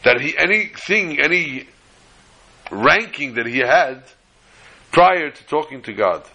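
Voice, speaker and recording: A man with gives a religious lecture as a rabbi, reading and explaining texts deliberately and repeating phrases for emphasis. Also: on the high side, expressive, sharp tone, husky, poor audio. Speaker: rabbi giving a Torah lesson.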